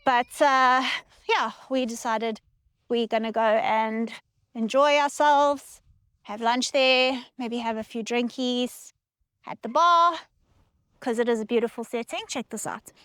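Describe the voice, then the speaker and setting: A woman's voice: a little high, a little slow, fairly bright tone, clear, resonant tone, dry recording, clean studio sound. A South African woman giving casual vlog chat as a travel vlogger, with a South African accent.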